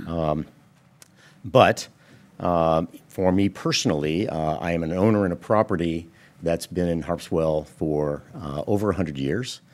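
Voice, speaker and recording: At a town board meeting, a man with a low, darkish voice gives public comment. He speaks in a measured, methodical way, often filling gaps with "uh".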